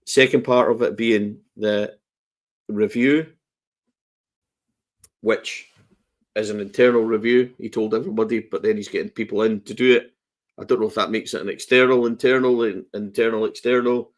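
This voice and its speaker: A man's voice: on the low side, fairly even intonation, moderate pace, long pauses. A Scottish man co-hosting a football podcast, rambling and self-deprecating while coughing through a lingering cold. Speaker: podcast co-host. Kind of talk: casual football chat.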